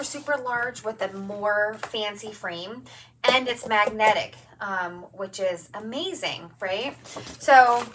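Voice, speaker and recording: A woman with a fairly high, slightly bright voice hosts a craft livestream from her craft table at home, chatting with viewers in a bubbly, enthusiastic way as she pitches products in an upbeat sales style. The mic is distant, picking up faint room noise.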